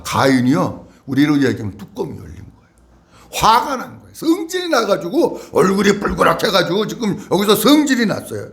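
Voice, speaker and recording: A male pastor preaching a sermon in a church, asking the congregation to repeat after him and acting out questions in a slow, drawn-out voice. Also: sits high. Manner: acts out God's questions in a slow voice. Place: church sanctuary.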